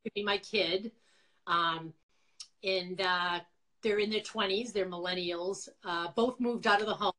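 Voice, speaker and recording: A woman's voice: medium pitch, steady tone, unhurried, fairly bright tone, poor audio. Middle-aged female guest, Boston accent, chatty and self-joking, mid-range voice, informal storytelling on a video call. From Quincy, Massachusetts, USA. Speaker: interview guest, former nonprofit founder. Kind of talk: casual chat, telling personal story.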